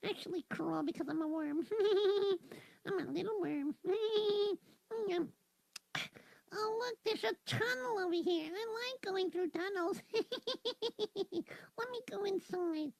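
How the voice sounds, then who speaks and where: A woman voicing a tiny, curious male worm in a squeaky, giggly voice. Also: slow pace, creaky, no room sound, heavily acted.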